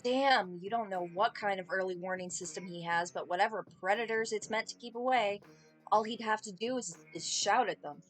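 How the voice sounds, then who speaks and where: A woman's voice: medium pitch, brisk, faint music behind. Woman reading game text with playful asides. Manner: playful, dry asides between narrated lines. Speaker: game streamer. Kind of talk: reading game narration aloud.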